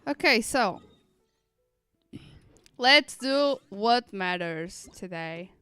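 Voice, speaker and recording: A woman streamer speaks very slowly in an animated, medium-pitched voice, sharp yet smooth in tone. She chats casually and playfully with her live audience during gameplay, on a dry close mic with no room sound and faint music behind.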